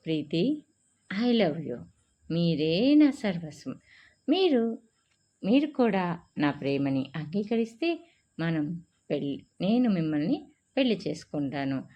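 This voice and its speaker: A woman's voice: fairly low pitch, big pitch swings, slow pace, long pauses, exaggerated voice. A woman voicing a shy, timid young man who talks in a nervous, pleading way, on a dull lo-fi recording. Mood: eager.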